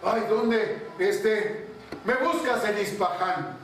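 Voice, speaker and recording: A man's voice: high voice, animated, drawn-out words, fairly bright tone, a little hiss or hum, pitched above the performer's own voice, exaggerated voice. A man voicing a terrified male servant who begs to flee, in a sermon story. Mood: pleading. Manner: pleading, frantic. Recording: echoey room, far from mic.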